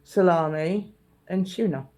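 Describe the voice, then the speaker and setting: A woman's voice: on the low side, warm tone. A woman from London chatting casually with a friend on a vlog, recounting trip details. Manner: chatty, quick interjections. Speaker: vlogger. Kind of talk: casual chat.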